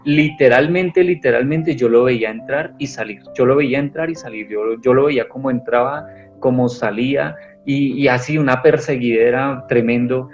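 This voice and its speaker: A man's voice: medium pitch, normal speed. Earnest man telling his story. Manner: earnest, rambling, with many restarts. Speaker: guest giving a testimony. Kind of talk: personal testimony in an interview. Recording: dull lo-fi sound with faint music.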